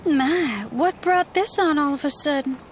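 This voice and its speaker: An actress playing a playful, mysterious all-seeing fortune teller in a video game, with a theatrical, coy, mystical manner. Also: female voice, sits high, unhurried, a little hiss or hum. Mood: reassuring. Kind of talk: video game character acting.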